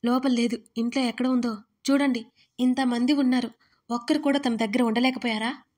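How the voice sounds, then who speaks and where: A woman's voice: on the high side, steady tone, fast, close to an everyday voice. Woman voicing a frantic young man. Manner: urgent, shouting in alarm.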